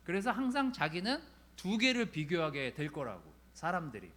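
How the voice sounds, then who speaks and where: A male pastor giving a sermon in a conversational, animated way, building to emphatic points. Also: a little high, moderate pace.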